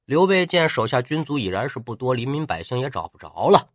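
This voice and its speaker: A man telling a traditional pingshu story, lively and chatty, with asides to the listener. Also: medium pitch, brisk, dry recording, studio quality.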